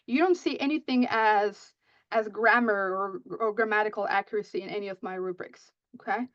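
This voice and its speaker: At a conference, a woman with Persian as her first language speaks about teaching writing, her medium-pitched voice moving at normal speed. The writing instructor often adds "right?" and frequently begins sentences over; the recording sounds dry and muffled.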